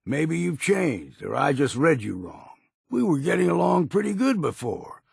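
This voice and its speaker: An actor playing a gruff, stubborn old seafarer in a video game, with a gravelly, raspy voice and a plain-spoken, folksy, weary but loyal manner. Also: male voice, a little high, sing-song, moderate pace, darkish tone, no room sound, clean studio sound, heavily acted. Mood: troubled, reproachful. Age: older. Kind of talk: video game character dialogue.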